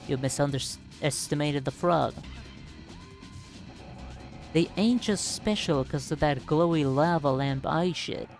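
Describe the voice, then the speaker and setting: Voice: medium pitch, slow, long pauses, faint music behind. A performer voicing a brash, scheming bully in a comedic game, cocky and mocking, mangling words. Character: brash, scheming bully who wants a wish.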